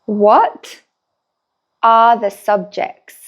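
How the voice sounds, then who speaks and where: A woman teaching a beginner English lesson, drilling simple sentences slowly and clearly with long pauses. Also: medium pitch, fairly even intonation, dull audio.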